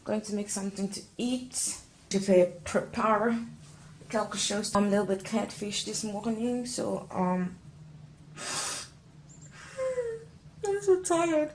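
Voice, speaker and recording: A woman's voice: medium pitch, fairly even intonation, moderate pace, a little hiss or hum. A young woman chatting casually to the camera in a vlog, talking frankly, sometimes slipping into French, her voice heavy from the morning. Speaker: vlogger. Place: home, then outdoors. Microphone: handheld camera or phone.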